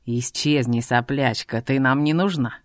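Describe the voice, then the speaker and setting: A woman voicing a cold, menacing bearded male thug, speaking slowly and quietly with a low husky rasp. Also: no echo, studio quality. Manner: slow, quiet, threatening.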